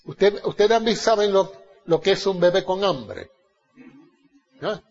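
High-voiced husky preacher teaching scripture. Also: male voice, lively intonation, unhurried, long reverb tail. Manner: asks the congregation questions and answers them; swings from loud emphasis to soft, low asides. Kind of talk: Bible study sermon. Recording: slightly muffled lo-fi recording.

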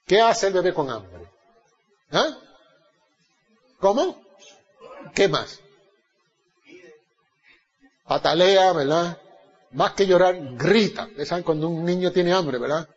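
A man preaches through a Bible passage, asking his congregation questions and answering them himself. His voice sits high and husky, climbing to loud emphasis and then dropping to soft, low asides. The recording sounds a little muffled and lo-fi. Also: animated, slow pace, long pauses, in a large hall. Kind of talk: Bible study sermon.

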